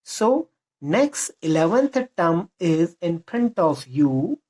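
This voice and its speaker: A woman with an Indian accent teaching terms for an exam. She drags out English definitions slowly, explains faster in Hindi, repeats key words and asks rhetorical questions. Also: on the low side, very animated, a little mellow. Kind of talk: exam-prep lesson.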